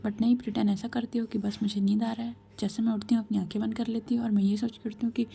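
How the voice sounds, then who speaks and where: A woman voicing a young woman who gently reassures and pleads with her partner, in a soft, hushed way. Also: on the high side, little pitch movement, fast talker, gravelly. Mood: pleading.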